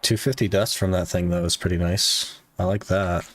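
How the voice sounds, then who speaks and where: A deep-voiced man speaks at a moderate pace on a dry recording as he streams a game. He's relaxed and chatty with his viewers, sprinkling in plenty of "like" fillers.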